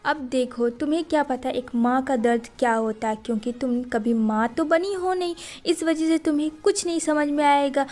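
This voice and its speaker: A woman's voice: high-pitched, normal speed, hardly any pauses, darkish tone, lightly acted. A woman voicing a spiteful female rival who taunts and accuses. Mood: taunting.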